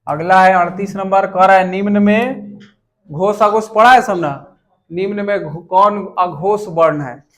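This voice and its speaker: A young man teaches in a high voice. He reads each exam question slowly and repeats it before giving the answer.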